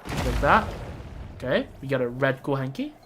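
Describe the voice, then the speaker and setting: A game player giving casual playthrough commentary in low-key, muttered asides. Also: very animated, moderate pace, a bit bright, a little hiss or hum. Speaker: gamer narrating a playthrough. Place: voice-over on game audio.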